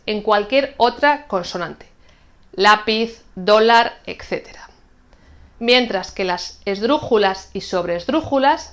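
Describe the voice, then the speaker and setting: A woman gives an online Spanish lesson. Her voice sits a little high, and she explains each rule in a clear, patient way, spelling out example words with care. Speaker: Spanish teacher.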